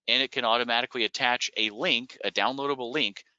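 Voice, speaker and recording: A man from a software company walking through product features in a webinar, explaining in a relaxed way with frequent "uh" and "um" fillers. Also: mid-range voice, fast, smooth, dry recording, dull audio. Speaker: software company staff presenting product updates. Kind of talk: webinar screen-share walkthrough.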